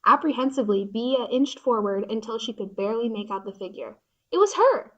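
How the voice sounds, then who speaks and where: A woman narrates a storybook with an expressive, descriptive delivery. Her voice sits fairly high, and the recording sounds dull and lo-fi. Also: a little fast.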